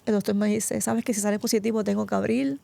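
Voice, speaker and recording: A woman's voice: mid-range voice, fairly even intonation, fast talker, vocal fry, dark tone, no room sound. A middle-aged woman pastor, giving a heartfelt, tearful testimony in an interview. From Puerto Rico. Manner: tearful, heartfelt storytelling, often addressing the host by name. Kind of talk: emotional personal testimony.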